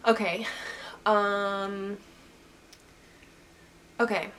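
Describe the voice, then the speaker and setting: A young woman, stuffy after a recent illness, talks very slowly in a level, medium-pitched voice that sounds pushed and bright. Answering viewers' photography questions in a casual vlog, she rambles with frequent "like" and restarts, and the camera's built-in mic picks up slight background noise.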